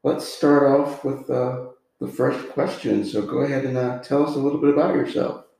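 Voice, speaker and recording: A man's voice: mid-range voice, moderate pace, gravelly, warm tone. A man hosting a self-improvement podcast interview, speaking in a friendly, loose way with plenty of fillers and restarts. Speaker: podcast host. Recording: roomy echo.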